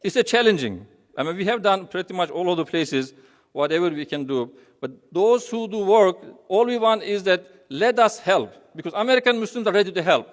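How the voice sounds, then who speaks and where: A man from Turkey who represents a humanitarian charity gives an informal public speech in a hall with long reverb, speaking with a Turkish accent. His slightly high voice is animated, and he talks haltingly, looping back and repeating phrases.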